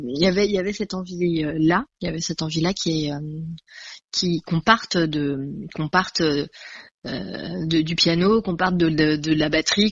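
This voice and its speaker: A woman singer-songwriter being interviewed on the radio, speaking haltingly and thoughtfully with many fillers. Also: deep voice, breathy edge, no room sound. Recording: dry, dull lo-fi sound.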